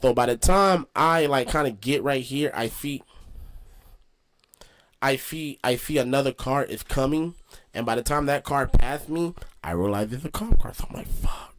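A young man casually telling a story, slangy and animated, with lots of swearing. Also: medium pitch, moderate pace. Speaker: host.

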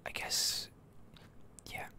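Whispering breathily close to the mic, a man streams gaming ASMR, his commentary on the game hushed and halting.

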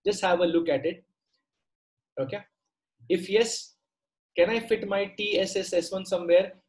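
A middle-aged male teacher speaks with a South Indian accent in a moderately high voice. He explains things step by step in a conversational way, often repeating a phrase and stopping to ask short questions of his students. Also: fairly even intonation, moderate pace. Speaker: maths teacher. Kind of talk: online lesson, explaining step by step. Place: indoor room, online class on a computer.

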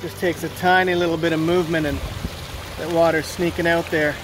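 Man pointing out leaks outdoors, monotone. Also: a little high, fairly quick, over music. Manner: plain, practical, thinking aloud as he points things out. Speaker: water feature installer. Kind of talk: walkthrough narration while inspecting. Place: outdoors by a backyard stream. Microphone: handheld phone camera.

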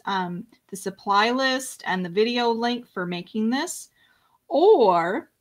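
A woman's voice: mid-range voice, fairly bright tone. A woman running a casual live-stream painting lesson, chatting and talking to herself as she works. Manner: chatty, self-talking while working. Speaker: painting instructor.

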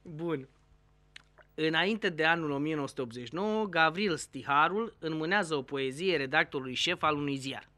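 A TV show host telling a string of jokes, animated, briefly putting on voices for the characters. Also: mid-range voice, dry recording.

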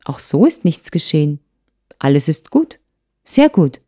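A woman voicing a calm, composed older husband in a mellow, low-pitched voice. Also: no echo, clean studio sound, lightly acted. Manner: calm and measured, turning serious.

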